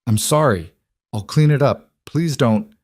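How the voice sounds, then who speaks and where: A man's voice: mid-range voice, measured pace, a little mellow, no echo, studio quality, pitched above the performer's own voice, close to an everyday voice. A man voicing a frightened young woman in a storybook narration, speaking in a thin, pleading voice.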